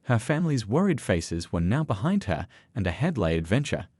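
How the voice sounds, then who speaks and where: A man narrating a scripted story in an expressive storytelling manner. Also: fairly low pitch, a little fast, breathy edge, no echo.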